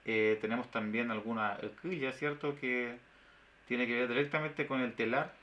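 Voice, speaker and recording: A man with a Chilean Spanish accent, a teacher giving a webinar lesson, speaking in drawn-out phrases with constant tag questions. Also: mid-range voice, fairly even intonation, lo-fi sound, slight background noise. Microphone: video call.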